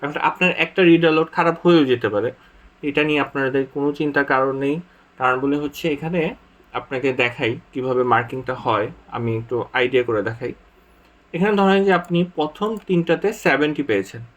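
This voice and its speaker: A young man with a Bangladeshi Bengali accent talks through a tutorial in a slightly high voice. He explains patiently and repeats each point, going through worked examples one step at a time. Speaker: exam prep tutor. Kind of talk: screen-share tutorial explanation.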